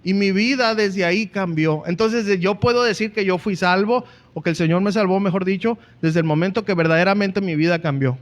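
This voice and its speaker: A man's voice: high-pitched, fairly quick, hardly any pauses. A man with a Mexican Spanish accent preaching a sermon earnestly as a pastor, often calling out to the congregation.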